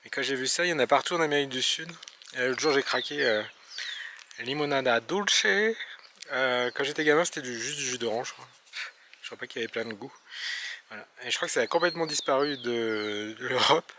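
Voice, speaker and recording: A man's voice: mid-range voice, a little fast, noisy background. A man chatting casually on a travel vlog, hesitant, with many fillers and restarts. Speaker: travel vlogger.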